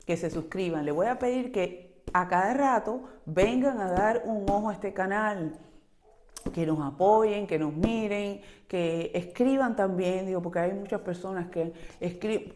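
A talkative woman speaks her thoughts aloud in a casual video blog. Her voice sits in a middle register, loud and animated, and she rambles from one point to the next with sudden swings in volume. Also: medium pitch. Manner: lively, talkative, rambling, quick changes of loudness; speaks very loudly by her own account. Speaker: vlogger. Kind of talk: casual reflective monologue to camera.

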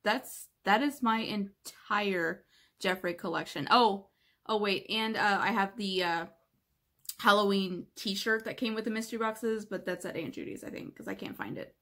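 A young woman vlogging casually about her makeup collection, chatty, with many "like" fillers and soft whispered asides. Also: mid-range voice, lively intonation, normal speed. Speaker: beauty vlogger.

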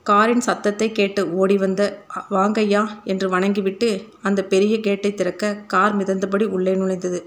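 A woman reading a romance novel aloud as an audiobook narrator, with a steady, even delivery. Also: medium pitch, a little slow.

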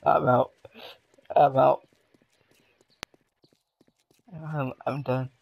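A young man playing a survival game with a friend, excitable and swearing, laughing often. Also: mid-range voice, very slow, gravelly, highs cut off. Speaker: gamer. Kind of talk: casual gaming commentary.

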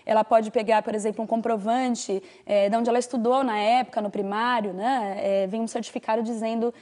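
A woman's voice: fairly high pitch, steady tone, brisk, a little mellow. A woman explains social security law. She speaks as a patient legal adviser on a TV call-in segment and fills her sentences with small "né" and "é" tags. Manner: explanatory, patient, with frequent "né" and "é" fillers. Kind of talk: TV call-in advice answers.

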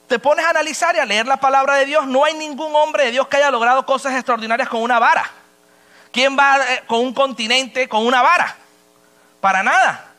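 High, bright-voiced preaching man. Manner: lively preaching with acted voices and sound effects. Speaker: pastor. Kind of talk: sermon.

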